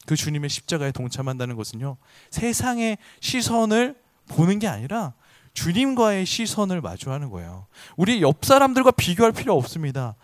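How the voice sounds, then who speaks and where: Male pastor, sermon. Higher-pitched voice, swoops up and down, earnest and emphatic, dry close sound. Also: no echo. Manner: earnest, emphatic preaching with rhetorical questions.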